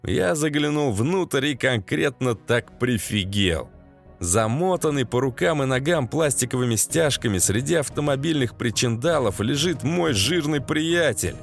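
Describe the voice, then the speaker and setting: A man's voice: mid-range voice, lively intonation, unhurried, vocal fry, soft background music. A man narrating a first-person audiobook in a sardonic, crude, slangy manner.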